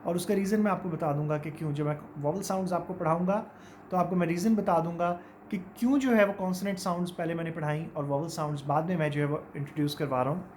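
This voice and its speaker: A man's voice: a little high, steady tone, fast, a little mellow, slight background noise. A man with a Pakistani accent teaching English pronunciation, explaining casually and mixing English words into his talk. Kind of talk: informal spoken lesson.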